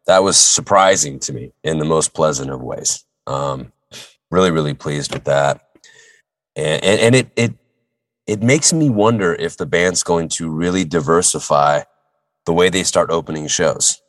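A man co-hosting a casual podcast chat in a choked, hoarse voice that sounds half lost, with wordy, playful phrasing. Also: extremely low pitch, expressive, normal speed, fairly bright tone, dry recording, clean studio sound. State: hoarse, choked-up, strangled voice from losing it. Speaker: podcast co-host.

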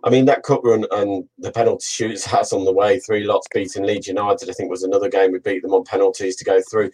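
A man's voice: on the low side, flat delivery, quick pace, a little mellow, poor audio. A man interviewing a former player, asking questions in a casual, friendly way.

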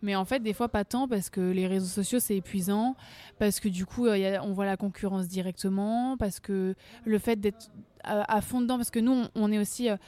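A woman's voice: medium pitch, steady tone, normal speed, warm tone. A young woman singer talking casually in an interview, chatty, laughing often, full of fillers and restarts. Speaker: singer guest.

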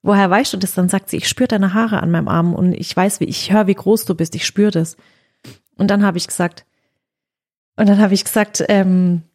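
A young woman tells a story in a casual chat. She keeps it lively and acts out the dialogue she quotes. Her voice sits at a middle pitch for a woman. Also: moderate pace.

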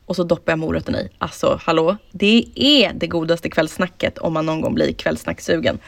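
A woman co-hosting a podcast in casual chat, chatty and excitable, swearing casually as she talks. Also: low-pitched, gravelly, no room sound. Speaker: podcast co-host.

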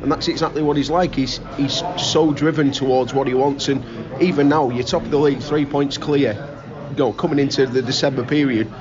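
Male football pundit in interview, emphatic and repetitive, mid-pitched, busy crowd sound behind. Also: fairly even intonation, fairly quick, dull audio. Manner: emphatic, repeats words. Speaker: local radio football commentator. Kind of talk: enthusiastic interview talk. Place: busy pub. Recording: busy pub chatter behind.

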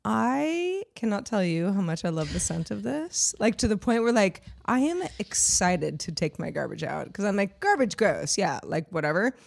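A woman co-hosting a podcast, bubbly and enthusiastic. She giggles often and fills her talk with "like". Her voice sits at a middle pitch. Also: big pitch swings, normal speed, gravelly, hardly any pauses, darkish tone. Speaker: podcast co-host. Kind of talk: casual chat.

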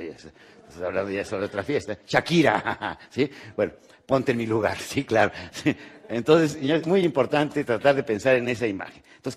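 A Mexican man giving a live motivational talk to an audience, joking and asking rhetorical questions, his voice jumping from loud bursts to quiet asides. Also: medium pitch. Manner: jokey, rhetorical, checks in with "¿sí?". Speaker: motivational speaker. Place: conference hall with live audience.

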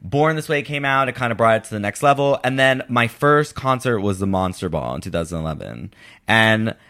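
A man's voice: fairly low pitch, expressive, a little fast, bright, forceful tone. A man in his twenties chatting casually as a podcast guest, phrasing things hesitantly and peppering sentences with "like". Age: 20s. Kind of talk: casual chat.

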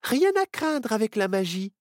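A woman voicing a confident, bubbly young girl witch in a storybook, with a lively, boastful manner. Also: fairly high pitch, normal speed, no room sound, studio quality.

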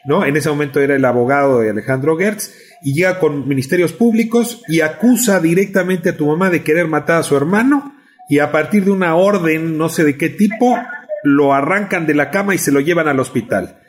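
A man hosting an investigative interview, calmly recapping facts in precise, measured terms. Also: fairly high pitch. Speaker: interviewer and host.

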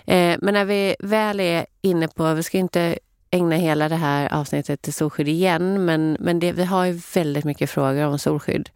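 A woman's voice: fairly low pitch, fairly even intonation, darkish tone, clean tone, no echo, studio quality. A woman co-hosting a casual podcast, earnestly explaining skincare with frequent fillers.

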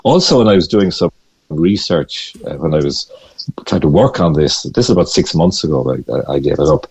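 Very deep, husky older west of Ireland man. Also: expressive, brisk, darkish tone. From Galway, west of Ireland. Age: over 65. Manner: hesitant, repeating words as he explains. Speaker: radio interview guest, mindfulness teacher. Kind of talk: conversational interview talk.

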